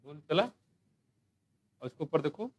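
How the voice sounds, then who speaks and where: A man teaching a biology class, asking students questions, joking and reading textbook lines slowly. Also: a little high, animated. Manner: asks students questions and jokes, mixing Hindi with English textbook lines; slows down to read English lines aloud. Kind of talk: classroom lecture.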